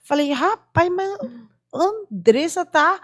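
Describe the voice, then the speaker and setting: A woman's voice: very high-pitched, lively intonation, takes it slowly, a bit bright. A woman with a Brazilian Portuguese accent hosting a casual chat, reacting with emotional interjections. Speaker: podcast host.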